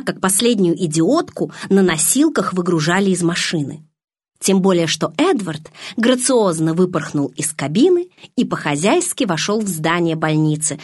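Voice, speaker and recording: A woman narrating a novel in the first person, with expressive storytelling. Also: medium pitch, slightly rough, no echo, studio quality. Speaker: audiobook narrator.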